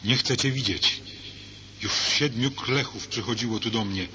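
A man's voice: mid-range voice, normal speed, close to an everyday voice. A man voicing an angry, stubborn young male prisoner condemned to death, in a read-aloud story. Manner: shouting, defiant. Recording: dull lo-fi with faint hiss.

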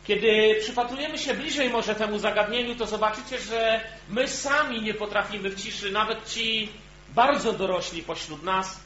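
A man's voice: high-pitched, moderate pace, bright, forceful tone. A man preaching a sermon to a gathered congregation, speaking earnestly and asking his listeners direct questions. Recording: echoey, dull sound with faint hum.

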